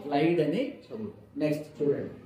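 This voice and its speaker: A man's voice: on the high side, quick pace, mellow, a little hiss or hum. Man teaching phonics in a very echoey room. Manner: asks questions and answers them himself, drilling repetition. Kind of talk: classroom-style phonics lesson.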